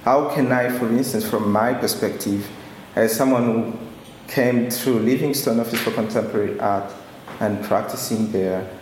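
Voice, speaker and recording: A man's voice: fairly low pitch, darkish tone. Man from Congo in an echoey room. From Democratic Republic of Congo. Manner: earnest, searching, restarts phrases. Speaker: curator. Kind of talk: introductory talk at a public event. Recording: very echoey room with light noise.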